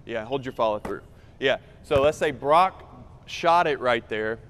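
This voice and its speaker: A man's voice: medium pitch, lively intonation, unhurried, a bit bright. A young man coaching basketball on court, explaining step by step and directing players by name. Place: large indoor gym. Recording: reverberant gym.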